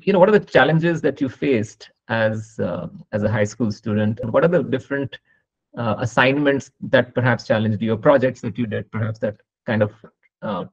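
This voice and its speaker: A man hosts an interview in a fairly low voice with a lot of gravelly creak. He phrases long questions in a measured, winding, conversational way. The recording is slightly dull. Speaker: podcast host. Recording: slightly dull, muffled audio.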